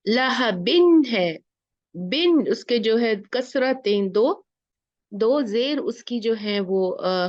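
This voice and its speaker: Slow, deliberate woman teaching recitation. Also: a little high, dry recording. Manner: drills sounds, asks questions and answers them herself. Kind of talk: slow step-by-step recitation lesson. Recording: dull lo-fi sound, dry close mic.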